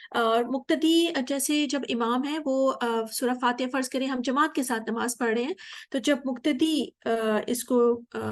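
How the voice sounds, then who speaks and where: Woman, high-pitched, religious teacher, patient explaining, hesitant pauses. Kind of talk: Islamic lesson.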